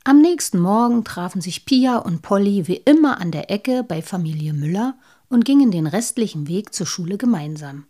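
A woman reads a children's Christmas story aloud. Her storytelling is lively, and she lifts her voice whenever the children speak. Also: moderate pace. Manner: lively, shifts pitch for children's lines.

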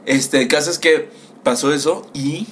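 A young man with a Mexican Spanish accent telling a crude story in casual chat, animated and acting out voices. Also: a little high, moderate pace. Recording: faint background noise.

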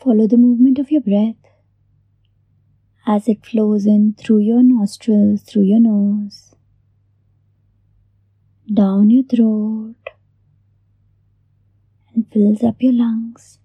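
A woman hosting a guided meditation in a soft, breathy near-whisper, gently giving unhurried instructions with long pauses. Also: a little high, flat delivery, no room sound, narrow, tinny audio. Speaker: meditation host.

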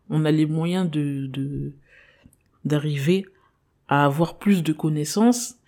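Young woman podcast host, mellow tone, earnest and thoughtful, pausing often to find words. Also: low voice. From Congolese descent. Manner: thoughtful, earnest, with frequent hesitations. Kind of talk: personal monologue.

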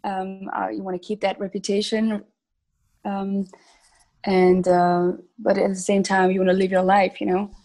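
A young woman from Switzerland, a singer, answering interview questions casually with many pauses and little laughs. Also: mid-range voice, little pitch movement, dark tone, rough recording. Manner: hesitant, many ums, laughs between thoughts. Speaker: singer, podcast guest.

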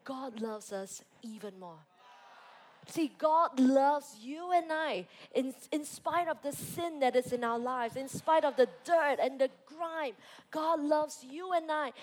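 A young woman pastor preaching to a youth service, telling a personal story with lively, animated delivery. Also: high-pitched, slow pace. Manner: animated storytelling, acting out her own reactions.

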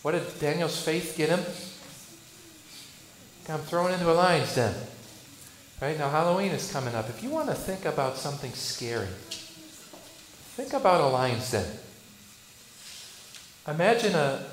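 Pastor, male, high voice. Preaches with rhetorical questions and sharp shifts between loud and soft. Roomy church sound with faint background hum. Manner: asks rhetorical questions, swings between loud bursts and hushed lines. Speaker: Lutheran pastor. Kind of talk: sermon.

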